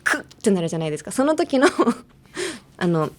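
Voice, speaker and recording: A woman's voice: on the high side, sing-song, normal speed. A young woman hosting a bilingual English lesson, chatty and playful as she switches between English and Japanese. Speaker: English teacher host.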